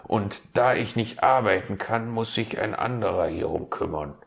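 A man voicing an excitable, fussy male fox in a storybook tale, speaking high and loud. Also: moderate pace, creaky. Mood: eager.

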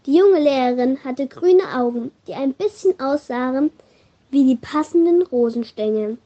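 A woman narrating a storybook reading in a calm, even storytelling manner. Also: sits high, moderate pace, highs cut off.

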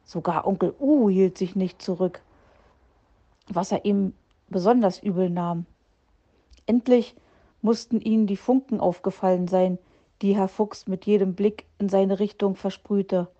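A woman reading a children's story aloud in a lively, expressive way. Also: mid-range voice, unhurried, lo-fi sound.

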